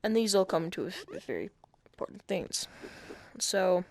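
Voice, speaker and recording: A man's voice: sits high, animated, normal speed, creaky, a little hiss or hum. A man talking through a casual screen-recorded game tutorial, hesitant and self-deprecating, with many fillers and restarts.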